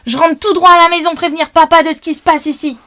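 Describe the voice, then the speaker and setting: A woman voicing a fierce, defiant young tomboy girl with shrill, high outbursts. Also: steady tone, fast, pushed and bright. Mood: defiant, frantic.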